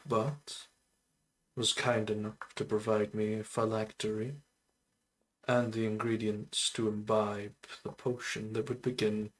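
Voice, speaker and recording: Man voicing an undead sorcerer lord, tabletop game, unhurried, measured, somewhat low. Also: fairly bright tone, poor audio. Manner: slow, measured, grandiose. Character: undead male sorcerer lord, cursed and hungry.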